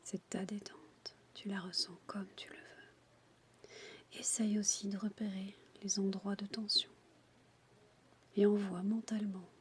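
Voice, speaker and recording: A woman speaks in a close, intimate whisper, entirely breathy. She gives soothing relaxation instructions at a very slow pace with little melodic movement. A faint ambient noise sits behind her voice. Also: medium pitch, flat delivery. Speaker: relaxation guide for childbirth. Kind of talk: whispered ASMR guided relaxation.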